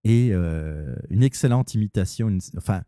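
A man's voice: sits low, expressive, moderate pace, mellow, no echo, studio quality. A man with a Québécois accent hosting his own podcast, talking casually with many fillers and restarts. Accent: Québécois French. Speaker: podcast host. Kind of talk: casual solo podcast talk.

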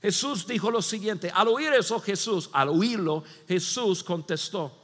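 Guy preaching a sermon, high bright voice, acts out the characters, big reverby hall. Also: measured pace. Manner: animated storytelling, acts out voices, many restarts. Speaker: pastor.

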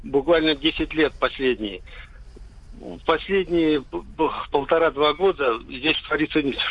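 Worried man calling in by phone. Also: fairly high pitch. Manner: worried, stumbling over words with restarts. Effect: caller heard over a phone line into the studio. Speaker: radio show caller. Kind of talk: phoning in a complaint on air. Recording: dull, muffled phone-line sound.

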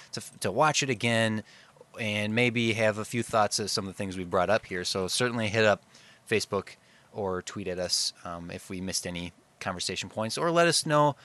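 A man's voice: lowish voice, a bit bright. A man co-hosting a podcast, talking casually about films in a rambling, reflective way. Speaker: podcast co-host. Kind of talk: casual film discussion.

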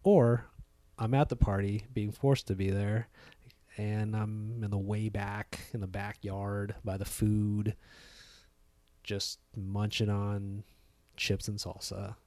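A young man hosting a podcast, talking casually in a soft, hesitant way with many fillers. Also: on the low side, level tone, slow. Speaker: podcast host.

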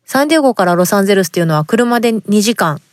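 A woman's voice: mid-range voice, animated, rapid-fire, dry recording. Woman podcast host from Fukuoka, Japan, mid-range voice, polite and chatty, dry close mic. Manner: polite and chatty, with frequent fillers. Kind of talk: casual podcast talk reading listener letters.

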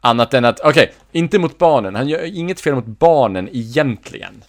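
A man co-hosting a podcast, musing about a film in a relaxed, casual way. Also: mid-range voice, dry recording, clean studio sound. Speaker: podcast co-host.

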